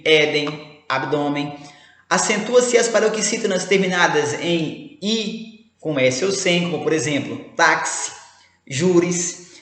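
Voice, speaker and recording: Emphatic male teacher, high voice, echoey. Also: fairly bright tone. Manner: emphatic, repeats "ok?" and "gente" to students. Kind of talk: exam review lesson. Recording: echoey room with long reverb.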